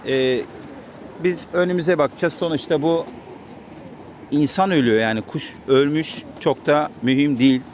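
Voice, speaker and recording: A man keeping pigeons, talking casually to his viewers and calling to the birds with quick repeated commands. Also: a little high. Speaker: pigeon keeper vlogger. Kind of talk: casual vlog talk to viewers. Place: outdoors on a rooftop pigeon loft. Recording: faint outdoor noise. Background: birds and city sounds.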